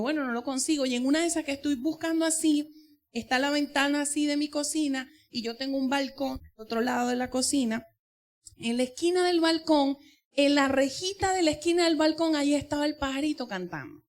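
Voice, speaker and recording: High-voiced woman preaching a testimony. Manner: storytelling, emotional testimony, addresses congregation directly. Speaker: church teacher. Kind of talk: sermon.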